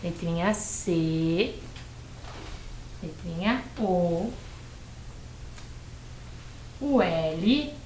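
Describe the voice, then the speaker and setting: A Brazilian woman teaching a lesson to young children, drawing out syllables slowly and patiently. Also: lowish voice, animated, a little mellow, roomy sound, slight background noise, low-quality recording. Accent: Brazilian Portuguese. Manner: stretches words and syllables, patient and encouraging. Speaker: primary school teacher. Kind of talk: slow, clearly spelled-out lesson for young children.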